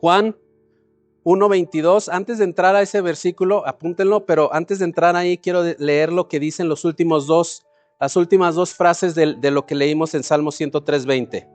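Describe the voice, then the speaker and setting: A man's voice: fairly high pitch, fairly even intonation, normal speed, darkish tone, soft background music. A man preaching a sermon to a congregation. He explains scripture, asks the crowd rhetorical questions, answers them himself and calls on them to repeat phrases after him.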